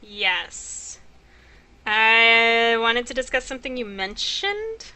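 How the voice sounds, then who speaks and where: A woman's voice: fairly high pitch, sing-song, takes it slowly, sharp tone. A woman doing casual, playful let's play commentary, chatting away and reading dialogue choices aloud. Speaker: let's player.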